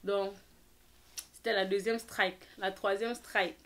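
A young adult woman vlogger telling a personal story in an animated, quick way, acting out the dialogue. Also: medium pitch. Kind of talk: storytime vlog.

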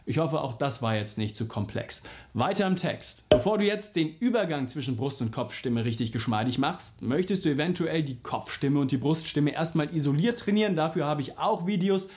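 A man's voice: a little high, lively intonation, moderate pace, darkish tone, slight background noise. A man teaching a singing lesson, explaining simply and patiently, and sometimes singing vowel slides to show an exercise. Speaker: vocal coach.

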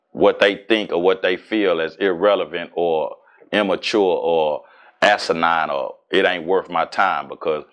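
A man in his forties from Houston with a Southern accent, talking casually and profanely as an interview guest, animated and streetwise. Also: low-pitched. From Houston, Texas. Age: 40s. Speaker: rapper and guest.

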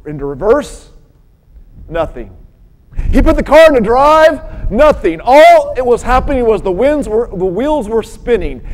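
A woman preaching a sermon with a lively, sing-song voice that swings widely in pitch. She tells her stories expressively, as a pastor speaking to her congregation. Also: low-quality recording. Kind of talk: sermon with storytelling.

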